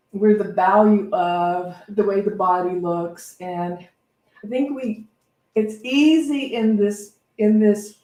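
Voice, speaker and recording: A woman reverend gives an unscripted, conversational inspirational talk in a medium-pitched, slightly mellow voice. Reflective and anecdotal, she often repeats phrases as she feels her way along. The microphone is distant in an echoey room.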